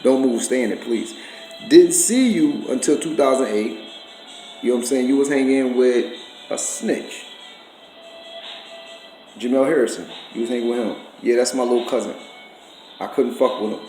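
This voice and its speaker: A man's voice: medium pitch, moderate pace, long pauses, dark tone, reverberant, faint music behind, poor audio. A man speaking, ranting to the camera with profane, accusatory street slang. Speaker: vlogger. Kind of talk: confrontational rant to camera.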